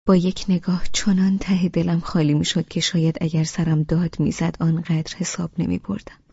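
A woman reading a novel aloud in a soft, hushed first-person narration. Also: on the low side, little pitch movement, slightly rough, dry recording. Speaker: audiobook narrator. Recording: dull, dry studio audiobook.

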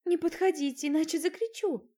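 A woman voicing a stubborn, haughty young fairy-tale princess with a shrill, indignant tone. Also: big pitch swings, moderate pace, mellow.

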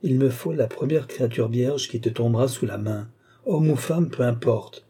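A frail yet tyrannical old alchemist, voiced by a male audiobook reader speaks in a dark, husky tone. He is scornful and imperious, and his words keep rising into fierce outbursts. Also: mid-range voice, normal speed. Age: older. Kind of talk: audiobook character reading.

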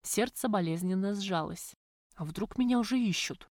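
A woman's voice: mid-range voice, normal speed, a little mellow, dry recording. Woman narrating an audiobook, dry close sound.

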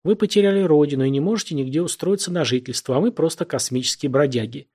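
A man's voice: on the high side, animated, quick pace, dark tone, breathy edge. A young spaceship captain, easygoing and a little bemused, as a male narrator plays him, speaking in a lifted, lighter voice. Sci-fi audiobook character. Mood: thoughtful.

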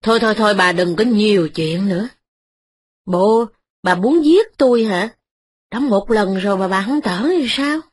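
A woman's voice: medium pitch, normal speed, breathy edge, close to an everyday voice. A woman voicing a timid, honest tenant farmer who pleads and gives in. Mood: pleading. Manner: pleading, resigned.

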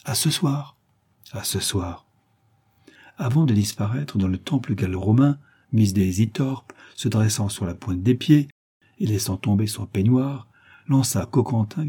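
A man narrating a classic novel aloud in an expressive, theatrical storytelling manner. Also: lowish voice, normal speed, breathy edge. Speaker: audiobook reader.

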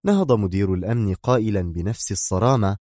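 A man reading a spy novel aloud as narrator, in a steady, measured delivery. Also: lowish voice, no room sound, clean studio sound. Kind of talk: scripted audiobook narration.

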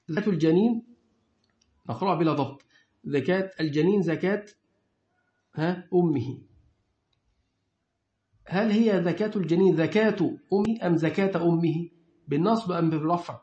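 A male religious teacher with an Egyptian Arabic accent gives a classroom lecture to students, quizzing them with quick questions. His voice is high yet darkish in tone. The echoey lecture room and dull lo-fi recording color the sound.

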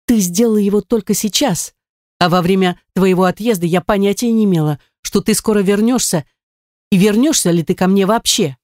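A woman voicing a hurt, defiant young woman who hisses and shouts back, in an audiobook reading. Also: mid-range voice, normal speed, no echo, clean studio sound, lightly acted.

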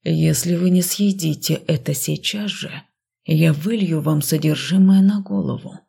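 A woman's voice: low voice, measured pace, gravelly, warm tone, breathy edge, voice pushed down, exaggerated voice. A woman doing a growling, furious male dean. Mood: menacing. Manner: growling, threatening.

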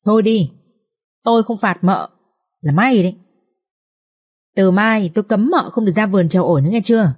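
Female narrator reading a deadpan young master, dry and teasing, storybook voice. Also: mid-range voice, a little fast, pauses often, breathy edge, close to an everyday voice. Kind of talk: audiobook character reading.

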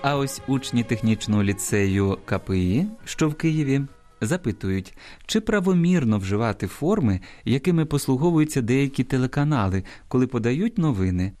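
Male radio host, didactic scripted read, lively intonation, lingers on example words. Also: mid-range voice, faint music behind. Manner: didactic, spells out examples slowly and emphatically. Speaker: radio language program host. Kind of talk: scripted radio talk answering listener questions.

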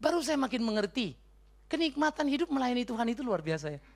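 A man's voice: extremely high pitch, fast, vocal fry. A middle-aged male pastor preaching a sermon, telling stories and acting out the voices in them, with English words mixed in. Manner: animated, acts out voices in anecdotes, mixes in English words. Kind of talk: sermon with storytelling.

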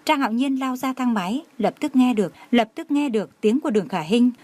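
A woman's voice: a little high, lively intonation, a little fast, darkish tone. Woman narrating a romance novel. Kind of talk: reading a romance novel aloud.

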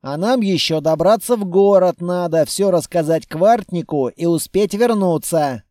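A brusque squad leader who cuts everyone short, as a man reads him in an audiobook. The voice sits high for a man and stays soft and mellow. It moves at an unhurried pace in a dry, close recording. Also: no room sound. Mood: curt. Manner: clipped, brusque. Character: curt, cold male squad leader.

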